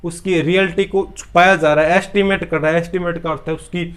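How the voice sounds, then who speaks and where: A man's voice: on the high side, fairly even intonation, brisk, a bit bright. A man teaching a vocabulary lesson, asking questions aloud and answering them himself, with English words mixed into his explanations. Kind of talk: classroom-style vocabulary lesson.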